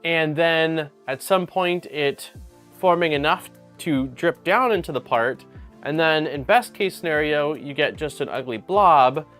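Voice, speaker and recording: A man hosting a casual livestream, speaking in a somewhat high voice. He is upbeat and rambling, with frequent fillers. Faint music plays softly behind him. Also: a little slow. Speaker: livestream host.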